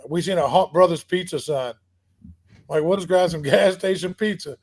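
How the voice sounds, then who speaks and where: Guy with a high voice, cussing and acting out the cops in his stories on a podcast. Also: moderate pace. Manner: animated, profane, tells stories with acted-out dialogue. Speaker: podcast guest. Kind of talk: casual storytelling.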